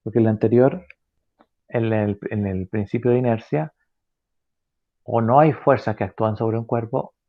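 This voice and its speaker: Explaining physics online one step at a time, a man speaks haltingly, filling pauses, correcting himself, and tossing in tag questions to check the class keeps up. His voice is mid-range, and the sound is narrow and tinny.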